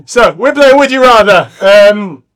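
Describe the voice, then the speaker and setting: A man's voice: sits high, expressive, unhurried, fairly bright tone, a little hiss or hum. A man co-hosting a podcast, rambling and giggly in casual party-game chat. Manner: rambling, giggly, stop-start. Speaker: podcast co-host.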